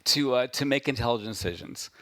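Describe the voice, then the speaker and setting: A man talking shop as a podcast guest, wry and quick, often checking in with "right?". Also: mid-range voice, animated, pushed and bright, no room sound, clean studio sound. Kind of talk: casual conversation.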